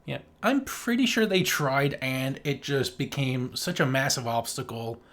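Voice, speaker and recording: A man co-hosts a podcast, casually reviewing a film in a slangy, joking and sweary manner. His mid-range voice is fairly bright and a little slow.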